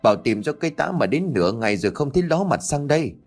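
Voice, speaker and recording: Man voicing nagging old grandmother, whiny complaining tone, lively pitch, faint music behind. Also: quick pace. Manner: whining, complaining. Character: bitter, nagging elderly grandmother.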